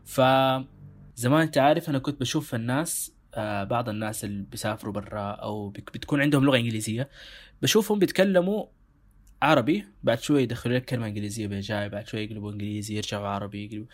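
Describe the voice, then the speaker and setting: A man's voice: on the low side, fairly even intonation, racing. A man with a Sudanese accent co-hosting a casual discussion, reflective and thinking aloud as he circles back to his point. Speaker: show co-host.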